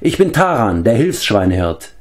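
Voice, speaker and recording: A man's voice: lowish voice, very animated, moderate pace. Man doing an earnest young storybook hero. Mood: firm. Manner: earnest, hopeful. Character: earnest young male hero, a humble pig-keeper.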